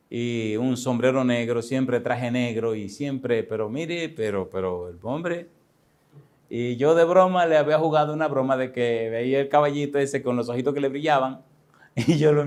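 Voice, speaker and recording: A pastor in his sixties telling a personal story in a sermon, with animated, chatty delivery and frequent laughs. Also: mid-range voice, moderate pace. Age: 60s.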